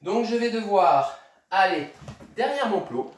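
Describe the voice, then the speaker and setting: This male tennis coach has a high-pitched voice with lively intonation and an unhurried pace, plus slight hiss or hum. Heard from afar in an echoing room, he leads a kids' home tennis workout, counting reps cheerfully and cheering them on while he moves and shows each exercise.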